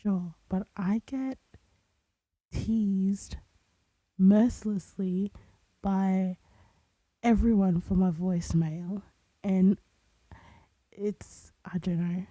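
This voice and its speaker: A woman co-hosting a podcast in casual chat, with a flat, low-key, bored-sounding manner. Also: very slow, long pauses, no echo. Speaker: podcast co-host.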